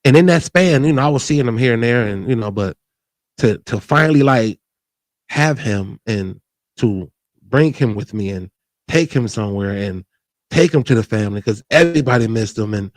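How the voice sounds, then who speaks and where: A man's voice: mid-range voice, animated, dry recording. Earnest man in his forties, dry sound. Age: 40s. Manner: earnest, halting, with frequent restarts and "you know what I mean". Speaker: show host. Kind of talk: candid personal talk.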